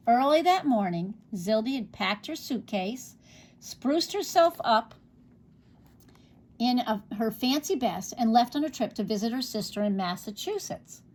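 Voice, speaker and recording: Lady reading a kids picture book out loud, kinda high voice, lively, trips on a word now and then. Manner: expressive read-aloud with small slips and restarts. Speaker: storybook reader.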